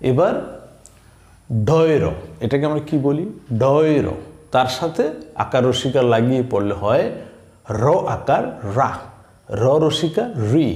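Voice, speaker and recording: A man teaching spelling, reciting letter-vowel combinations slowly and checking in with his students. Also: on the high side, darkish tone, roomy sound. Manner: slow, drawn-out recitation with checking questions. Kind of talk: slow recited lesson.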